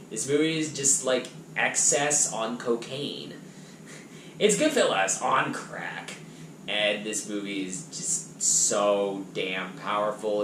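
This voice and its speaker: A man chatting casually and enthusiastically as he reviews movies from his collection on a vlog, his loudness swinging up and down. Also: fairly low pitch. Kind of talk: casual chat. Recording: echoey room with background noise.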